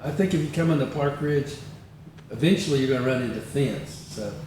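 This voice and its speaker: A man's voice: mid-range voice, brisk. Rambling older man in echoey room. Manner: rambling anecdotal storyteller, animated. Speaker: guest, retired county attorney. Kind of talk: casual interview chat. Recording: echoey room, distant mic, faint noise.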